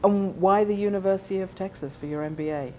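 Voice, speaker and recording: A woman interviewing a student, asking questions in a friendly, halting way with many fillers. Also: medium pitch, mellow.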